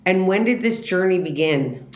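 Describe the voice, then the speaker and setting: A woman's voice: fairly low pitch, expressive, moderate pace, slight background noise. A middle-aged woman hosting a podcast, chatting playfully and casually with a guest. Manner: chatty, playful, laughs easily. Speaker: podcast host. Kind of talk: casual interview chat. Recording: echoey room.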